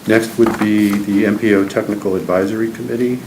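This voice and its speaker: Deep flat-voiced man advising a board. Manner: measured, hesitant, advisory. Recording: noisy meeting recording.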